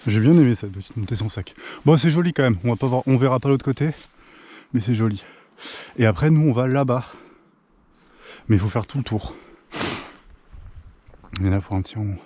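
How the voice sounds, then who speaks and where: French male hiker, casual vlog, outdoors on handheld cam, dark mellow tone, chatty restarts. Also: medium pitch, lively intonation, brisk, pauses often, slight background noise. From France. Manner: chatty, thinks aloud with restarts and "hein". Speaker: hiker filming himself. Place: mountain trail outdoors. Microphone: handheld camera.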